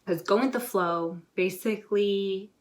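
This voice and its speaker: A young woman vlogger talking casually and excitedly to camera, rambling with lots of filler words as she gives motivational advice. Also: medium pitch, unhurried.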